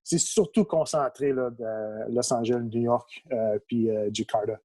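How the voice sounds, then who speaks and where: A young adult man from Quebec speaks with a Québécois accent, though English is his native language. His voice sits at medium pitch and moves a little slowly. As a toy photographer guesting on a podcast, he chats casually and in a relaxed way, full of fillers and restarts.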